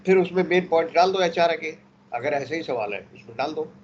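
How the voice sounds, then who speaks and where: A man's voice: on the high side, brisk, lo-fi sound, a little hiss or hum. A man teaching an online class for merchant navy exams, mixing Hindi and English and repeating key points for emphasis. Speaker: merchant navy exam instructor.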